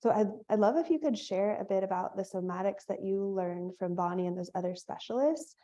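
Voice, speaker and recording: A woman's voice: medium pitch, expressive, a little fast, dark tone. A woman hosting an interview, upbeat and enthusiastic in a casual way. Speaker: host, training instructor. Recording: dull lo-fi sound.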